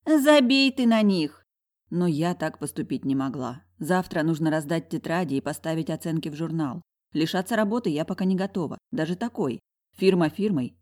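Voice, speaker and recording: A woman narrating a first-person audiobook in a wry, rueful, confiding tone. Her voice sits a little low. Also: dark tone.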